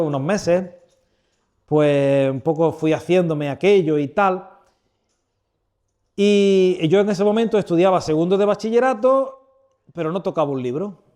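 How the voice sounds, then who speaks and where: Speaking slowly with long pauses, a high-voiced man of around fifty-something from Andalusia preaches with a dark tone. He's leading a church workshop, offering an informal sermon into a handheld or stand microphone before a live audience, chatting, joking and regularly asking them questions.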